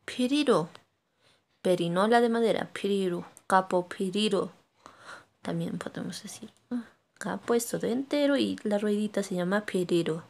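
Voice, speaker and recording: A woman teaching a language lesson, saying each word slowly and repeating it for learners to echo. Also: mid-range voice, vocal fry, darkish tone.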